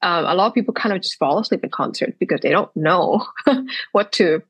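A young woman from Hong Kong talks as a guest on a percussion podcast. Her voice sits on the low side and has a husky edge. She speaks thoughtfully, stopping often to gather her words. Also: lively intonation. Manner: thoughtful, with frequent "um" pauses. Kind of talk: casual podcast interview.

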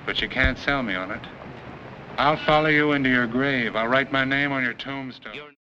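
A man's voice: mid-range voice, close to an everyday voice. A man playing a relentless, sardonic, coolly patient police detective in 1940s film noir style. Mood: menacing, sardonic. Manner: cold, sardonic, deliberate. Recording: muffled, noisy old film soundtrack.

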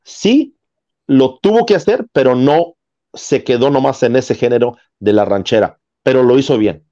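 A man's voice: medium pitch, lively intonation, normal speed, dark tone. Man explaining through analogies. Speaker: podcast co-host. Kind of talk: casual podcast chat. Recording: slightly dull lo-fi sound.

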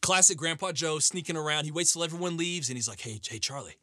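Bright-voiced man on a sarcastic rant. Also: on the high side, fast, no room sound, clean studio sound. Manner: animated, sarcastic, emphatic. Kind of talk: comedic rant.

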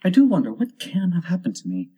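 Man reading as curious young Alice, lively intonation. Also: sits high, fast, husky, voice pushed up, heavily acted. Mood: musing. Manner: wondering, self-questioning. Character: young girl Alice, curious, musing to herself.

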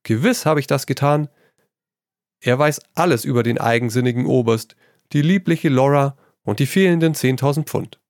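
A man's voice: mid-range voice, moderate pace, no room sound, studio quality, voice pushed up, lightly acted. A man reading a story aloud, voicing a witty, worldly painter who teases his friend and tosses in French phrases. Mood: amused. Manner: lively, amused, tossing in French phrases. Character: witty amused male painter, worldly and teasing.

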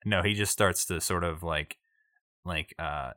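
Deep-voiced man running a tabletop game. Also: pushed and bright, no echo, studio quality. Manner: halting, many fillers. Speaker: game master.

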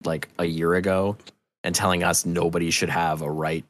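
This deep-voiced man from New Hampshire, United States, talks as a podcast guest with a level tone and fairly bright timbre at a moderate pace. He tells anecdotes emphatically and opinionatedly, with frequent swearing, in a casual interview. The recording is dry.

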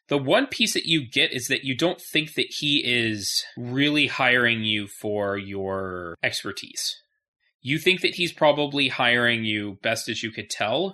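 A man's voice: medium pitch, pushed and bright. A man running a tabletop fantasy game as game master, narrating and explaining to players.

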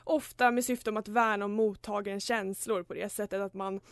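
A young woman co-hosting a student radio show, chatting casually and reacting with quick short replies. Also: mid-range voice, steady tone, no room sound, clean studio sound. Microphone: studio microphone.

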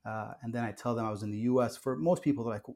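A man's voice: mid-range voice, racing, darkish tone. A man who was born in Kuwait and raised in the US, a pastor talking earnestly and reflectively in a podcast interview, with frequent restarts and fillers.

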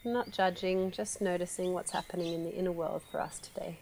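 A woman guiding a relaxation meditation, speaking slowly and softly with long pauses. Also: on the low side, vocal fry, a little hiss or hum. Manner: slow, soft, calm with long pauses. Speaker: meditation guide.

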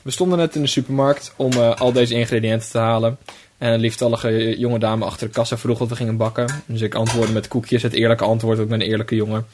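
Rambling deadpan guy. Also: medium pitch, quick pace, a little hiss or hum. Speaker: podcast co-host. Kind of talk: casual comedic banter. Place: home kitchen, cooking while talking.

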